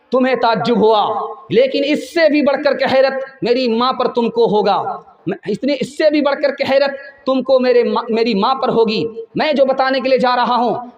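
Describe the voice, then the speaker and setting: A preacher acting out a bitter condemned young bandit. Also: male voice, very high voice, muffled recording, voice pushed up. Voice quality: raised, declaiming. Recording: echoey room.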